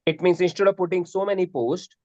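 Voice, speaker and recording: A man's voice: high-pitched, fairly quick, dark tone, no echo. Agreeable man, dull dry audio. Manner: agreeable, many fillers and repeated affirmations. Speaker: audience member. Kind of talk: online session Q&A.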